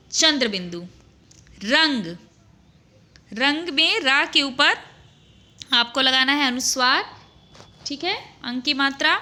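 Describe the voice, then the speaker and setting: Slow, bright-voiced woman teacher. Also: sits high. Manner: drawn-out, syllable by syllable word drills with questions to pupils. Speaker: primary school Hindi teacher. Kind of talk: slow, deliberate lesson for young children.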